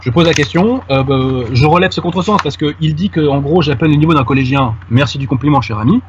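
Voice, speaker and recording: A man's voice: on the high side, fast talker, muffled recording, slight background noise. A man making a detailed argument in conversation with a host, addressing him familiarly. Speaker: guest commentator. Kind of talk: conversational argument on a radio-style show.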